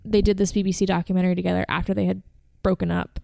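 A woman co-hosting a music podcast in casual chat, chatty and enthusiastic, slightly hoarse from talking. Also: lowish voice, flat delivery, racing, a little mellow, dry recording. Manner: chatty, filler-heavy, enthusiastic about bands. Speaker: podcast co-host.

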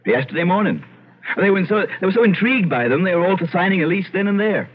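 Radio drama: genteel, digressive gentleman, very animated pitch, narrowband old broadcast. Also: quick pace. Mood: breezy, assured. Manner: theatrical, digressive, polite. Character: idle, genteel Irish gentleman narrating his eerie tale.

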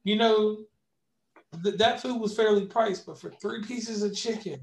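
A man with a West Virginian accent co-hosting a casual podcast chat, telling animated stories and repeating words for emphasis. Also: high-pitched, unhurried, vocal fry, roomy sound. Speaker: podcast co-host.

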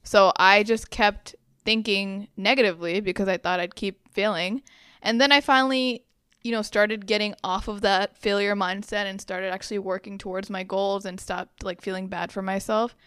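A woman's voice: medium pitch, steady tone, moderate pace, a bit bright, smooth, no echo, studio quality. A young woman in her twenties co-hosting a podcast, talking casually with lots of filler words. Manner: chatty, many fillers. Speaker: podcast co-host. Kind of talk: casual chat.

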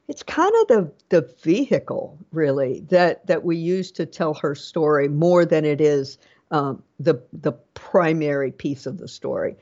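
A woman's voice: lowish voice, a little mellow. Hesitant middle-aged woman, lo-fi sound. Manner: hesitant, many ums and restarts. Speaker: author and college professor. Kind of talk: podcast interview.

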